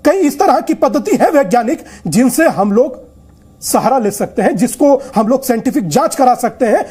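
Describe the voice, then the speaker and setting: A man's voice: very high voice, darkish tone. A man arguing insistently as a religious guest on a heated TV news debate, often talking over the other guest.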